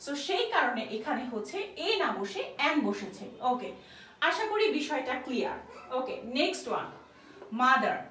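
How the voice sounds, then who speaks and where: Woman English teacher, high and animated voice, slowly repeats example sentences, a bit off-mic. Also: far from the mic. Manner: slow, drawn-out repetition of English example sentences. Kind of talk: lesson. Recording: echoey room, voice somewhat off-mic.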